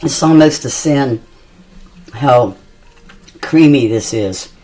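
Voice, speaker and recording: Her voice is a slow, rumbling low one: a middle-aged woman demonstrating a recipe at home, tasting along the way. The talk is homey and chatty, set against gentle music and kitchen noise.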